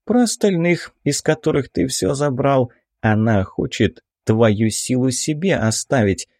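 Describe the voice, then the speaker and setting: A man's voice: medium pitch, expressive, unhurried, creaky, a little mellow, no echo, clean studio sound. A man voicing a sly, snarling five-hundred-year-old demon woman in an audiobook, with a mocking, defiant delivery. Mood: bitter. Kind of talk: audiobook character voice.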